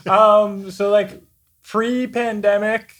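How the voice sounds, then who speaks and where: A man's voice: sits high, takes it slowly, slight background noise. A man guesting on a podcast in casual chat, rambling with lots of fillers as he tells a story. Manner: relaxed, rambling, many "like" fillers. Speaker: band member guest.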